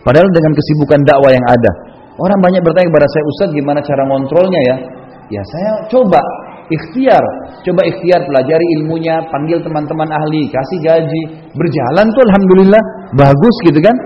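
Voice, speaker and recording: Fast-talking male preacher in an echoey hall. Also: on the high side. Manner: casual, anecdotal, frequent conversational tags. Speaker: Islamic preacher. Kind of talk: storytelling sermon. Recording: echoey hall, dull lo-fi sound.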